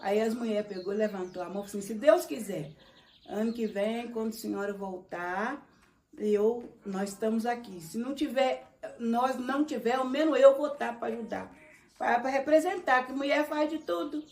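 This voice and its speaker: Lively storyteller woman. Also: a little high, normal speed. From Brazil, Minas Gerais. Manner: lively storytelling, acting out quoted dialogue. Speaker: interviewee, congo dancer. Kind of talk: documentary interview storytelling. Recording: roomy sound from a distant mic.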